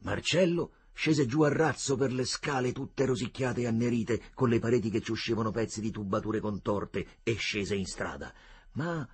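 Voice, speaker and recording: A man reading a novel aloud as an audiobook narrator, in a steady storytelling delivery. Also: mid-range voice, moderate pace, few pauses, husky. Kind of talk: scripted narration.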